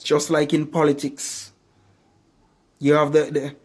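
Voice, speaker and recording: A man giving a motivational speech, with emphatic, repetitive rhetorical questions and slow, drawn-out stresses on key phrases. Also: on the high side, completely flat delivery. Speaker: motivational speaker.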